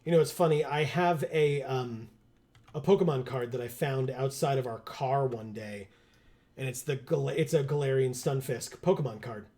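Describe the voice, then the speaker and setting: A man's voice: medium pitch, normal speed, warm tone. A man chatting casually while streaming a video game, rambling with fillers and laughing often. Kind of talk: casual livestream chat.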